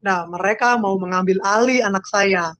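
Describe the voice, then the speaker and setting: A woman's voice: medium pitch, normal speed, dry recording. A woman telling her personal faith testimony with strong emotion, often repeating phrases, her voice sometimes breaking into tears. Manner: animated storytelling. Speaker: guest giving a testimony.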